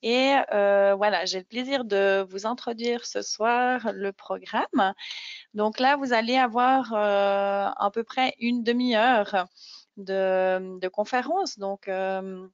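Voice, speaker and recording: A woman's voice: medium pitch, slow, clear, resonant tone, no echo. A woman hosting a webinar with an informal live introduction, speaking hesitantly and loosely. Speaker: webinar host. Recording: dry, slightly dull webinar audio.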